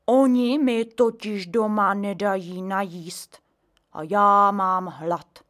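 A woman voicing a gentle, forgetful old grandfather in a storybook reading, speaking slowly and loudly. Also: mid-range voice, fairly even intonation, natural voice. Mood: plaintive.

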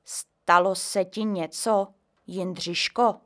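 A woman voicing a gentle, forgetful old grandfather in a storybook reading, speaking slowly and loudly. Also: medium pitch, natural voice. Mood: plaintive.

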